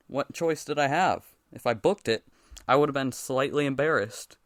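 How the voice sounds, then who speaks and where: A young man narrating his own animated story with deadpan, self-mocking humor that rises into excited outbursts. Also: mid-range voice, dry recording, clean studio sound.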